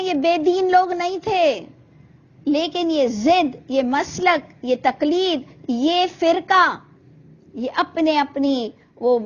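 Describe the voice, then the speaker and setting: A woman gives an online Quran commentary class in a high voice. She speaks earnestly and preaches, asks her students rhetorical questions and drops in English words. The video call audio sounds a little muffled. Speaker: Quran teacher.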